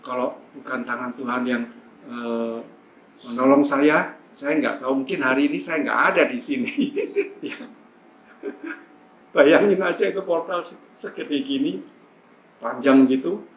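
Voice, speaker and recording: A man's voice: mid-range voice, measured pace, long pauses. Chatty man telling a testimony in church. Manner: chatty, rambling, with many fillers. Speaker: church member giving a testimony. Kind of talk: casual testimony storytelling. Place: church hall. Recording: echoey church hall, faint hum.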